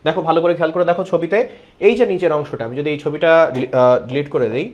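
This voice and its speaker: Animated male biology teacher. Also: a little high, rapid-fire, dull audio. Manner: explains step by step, keeps asking students questions. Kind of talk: online class lecture.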